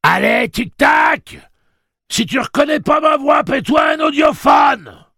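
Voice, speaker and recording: A man voicing a gruff, crude adult male pirate who bawls and mocks. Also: deep voice, moderate pace, no echo, studio quality, heavily acted. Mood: bawling. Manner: loud, bawling, mocking and coarse.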